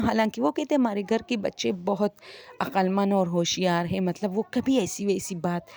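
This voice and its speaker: Woman storyteller, gravelly voice, casual ghost-story retelling, chatty, hushes low for eerie parts. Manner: conversational, many fillers, addresses listeners as friends.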